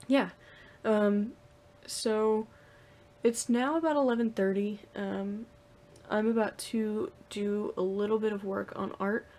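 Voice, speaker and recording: A woman's voice: mid-range voice, a little mellow. A young woman talking casually to the camera in her room at home, rambling with lots of fillers and restarts. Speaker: vlogger. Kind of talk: casual vlog talk to camera.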